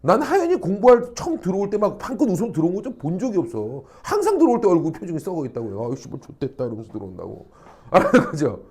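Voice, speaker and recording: A middle-aged man teaching high school social studies, lecturing in a lively way, acting out quoted people and checking in often with rhetorical questions. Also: rapid-fire, few pauses, husky. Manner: animated, acts out quoted people, frequent rhetorical check-ins, salty slang. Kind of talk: classroom lecture. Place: academy classroom.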